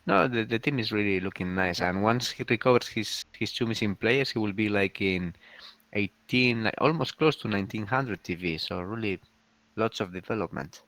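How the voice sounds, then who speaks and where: Laid-back guy with a low voice going over teams, lots of uhs, dry close sound. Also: normal speed, fairly bright tone, no room sound. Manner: easygoing, agreeable, hesitant with fillers. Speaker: host. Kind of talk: casual game recap chat.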